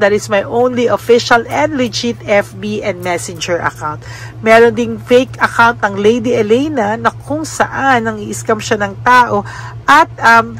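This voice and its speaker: A Filipino woman giving a casual spoken card reading to her viewers, gentle and often adding little tag questions. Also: on the high side. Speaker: tarot card reader.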